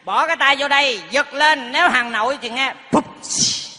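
A man's voice: extremely high pitch, moderate pace, pushed and bright, exaggerated voice. A male comedian playing a cranky, teasing old grandfather who loves foreign things, on a live stage. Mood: bossy teasing. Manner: bossy, teasing, calls the girl "mày". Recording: live stage with hall reverb and faint noise.

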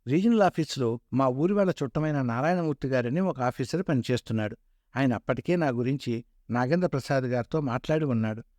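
A man in his sixties narrating his own life story in a steady, earnest way. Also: mid-range voice, a little fast, no room sound, clean studio sound. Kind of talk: autobiographical narration.

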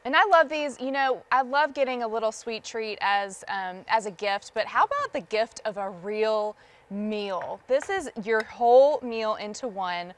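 A woman from the States, a guest on a TV shopping show, warmly listing ingredients and gushing over her family's food in a studio kitchen. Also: on the high side, measured pace. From Southern United States. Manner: enthusiastic, lists ingredients, gushes over the food.

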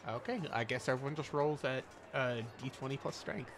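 A man narrating a tabletop game casually as game master, describing scenes in halting pieces. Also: mid-range voice, background noise.

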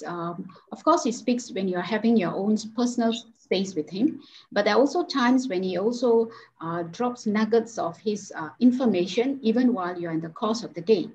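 A woman's voice: mid-range voice, a little mellow, slight background noise. Woman teaching over a muffled video call. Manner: hesitant, with frequent fillers and restarts. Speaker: Bible study speaker.

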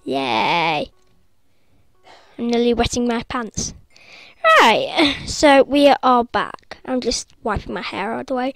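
A woman casually narrating her gameplay from bed, rambling, breaking into squeals and quick apologies. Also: fairly high pitch, creaky, fairly bright tone, no echo. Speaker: gaming vlogger. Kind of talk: casual game commentary. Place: sitting up in bed at home. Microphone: laptop recording.

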